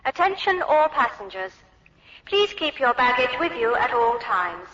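Formal adult airport announcer, measured delivery, long echo, muffled course recording. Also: female voice, fairly high pitch, sing-song, fairly bright tone. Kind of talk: scripted public address announcements. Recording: muffled echoey hall.

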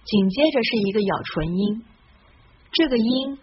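A woman hosts an English pronunciation lesson with gentle encouragement, drawing her example words out slowly and fully. The voice track is a little dull and lo-fi, with a faint hiss underneath. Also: a little high, animated. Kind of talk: friendly scripted lesson narration.

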